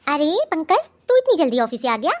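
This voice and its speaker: A woman voicing a strict, traditional middle-aged mother-in-law in an animated cartoon, who mutters sharp judgments. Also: high voice, a little fast, no echo. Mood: surprised.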